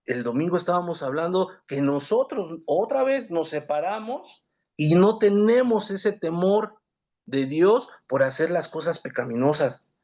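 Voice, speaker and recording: A man's voice: on the high side, expressive, measured pace, darkish tone. A man teaching a Bible class, earnestly reading scripture aloud and addressing his listeners as brothers.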